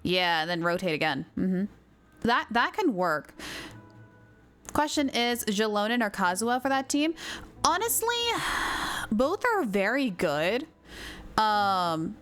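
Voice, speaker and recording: Reading viewer comments and replying as she goes, this female livestreamer thinks out loud in a casual way. Her voice sits fairly high and has a bit of brightness, with soft game music audible underneath.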